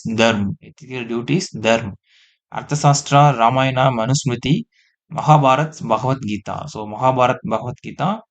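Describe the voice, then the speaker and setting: A man, teaching an exam-prep lesson, reading multiple-choice questions and repeating each answer slowly, often dropping into quieter asides. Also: medium pitch.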